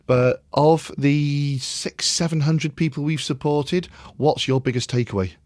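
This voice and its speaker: A man's voice: fairly high pitch, measured pace, darkish tone, no room sound. A man hosting a casual business conversation, leading it and asking his colleague questions. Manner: leads the talk and asks questions. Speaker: business advisor hosting a review chat.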